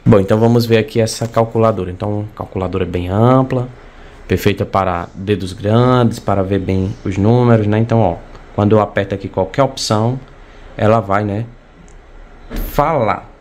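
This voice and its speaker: A man's voice: on the low side, fairly even intonation, brisk. A young man with a Brazilian accent giving a casual, conversational gadget review into a phone indoors. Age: young adult. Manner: conversational, frequent tag questions. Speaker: product review vlogger. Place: small indoor room at home. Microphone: phone at arm's length. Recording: faint background room noise.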